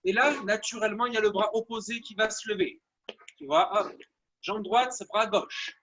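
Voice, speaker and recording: A man's voice: high voice, normal speed, gravelly, a bit bright, lo-fi sound, slight background noise. A man coaching a live online workout class, counting down reps and cheering people on. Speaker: fitness coach.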